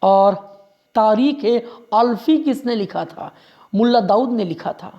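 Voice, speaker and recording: A male history teacher with a high voice gives an exam-prep lecture at a measured pace, drilling every fact by repeating it over and over. He urges his listeners to remember each point and occasionally corrects himself mid-sentence. The recording is muffled.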